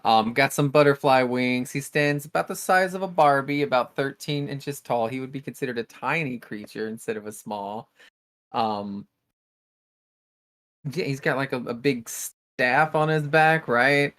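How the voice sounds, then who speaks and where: A man's voice: medium pitch, unhurried, fairly bright tone. A man casually describing his fairy character and its actions as a player in a tabletop game, rambling with lots of fillers.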